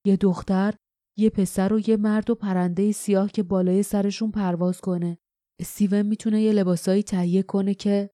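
Woman acting out a stern male leader, gruff, commanding, dark mellow voice, dry close sound. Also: medium pitch, level tone, no room sound, lightly acted. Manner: commanding, plotting. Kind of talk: audiobook character voice.

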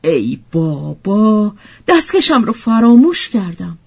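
A flustered young man speaks in a storybook reading, casual and everyday, as a woman narrator puts him on. The voice is slightly husky and lively in pitch. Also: heavily acted.

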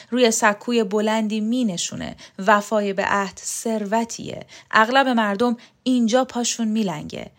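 A woman reading a novel aloud, voicing a sharp, disillusioned woman who speaks with biting contempt. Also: medium pitch, lightly acted. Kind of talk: audiobook character reading.

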